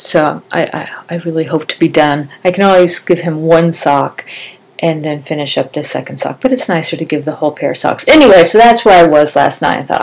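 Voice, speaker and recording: A middle-aged woman with a slightly low voice hosts a casual podcast on her own. She talks in an upbeat, rambling, chatty way. Braces make her articulation a touch slurred and wet. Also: poor audio. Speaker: podcast host. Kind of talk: casual solo podcast chat.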